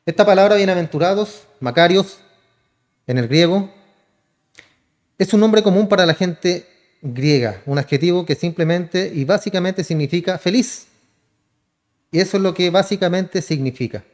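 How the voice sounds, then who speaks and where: A man's voice: high-pitched, normal speed, pauses often, darkish tone. A man, a pastor preaching a sermon, often calling listeners "hermano" and answering his own questions. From Chile. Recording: church hall reverb.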